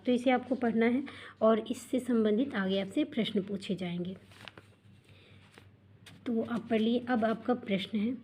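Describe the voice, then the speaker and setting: A woman's voice: fairly high pitch, darkish tone. A woman teacher patiently explaining a school textbook lesson, repeating points, asking herself rhetorical questions and using many fillers.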